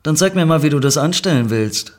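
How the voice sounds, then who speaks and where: Woman doing a teasing dark-voiced seductress. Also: expressive, brisk. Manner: teasing, low and confident.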